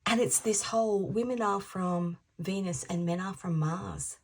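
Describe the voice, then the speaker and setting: A woman in her fifties giving an intuitive tarot reading, musing aloud, repeating phrases and sometimes dropping into soft half-whispers. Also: mid-range voice, measured pace, a little hiss or hum. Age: 50s. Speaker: tarot reader.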